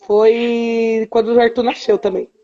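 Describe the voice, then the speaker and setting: A woman's voice: on the high side, level tone, measured pace, dark tone. Woman retelling what happened, lots of "é" and quoting people, audio kinda dull like a video call. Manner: tells events with quoted dialogue, hesitant fillers. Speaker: mother telling her story. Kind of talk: emotional personal testimony on a live stream.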